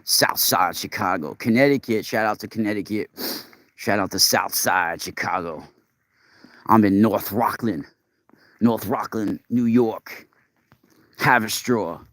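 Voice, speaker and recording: A man's voice: fairly low pitch, a little slow, pauses often, a bit bright, dry recording, clean studio sound. A man talking casually to his livestream viewers while walking outdoors, musing earnestly and stretching words for emphasis. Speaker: livestream host. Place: outdoors, walking in snow along a road.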